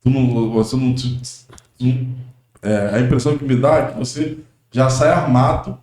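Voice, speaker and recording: A man with a Brazilian accent hosting a podcast, asking questions haltingly with many restarts. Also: mid-range voice, darkish tone, echoey room. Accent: Brazilian Portuguese. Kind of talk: casual interview.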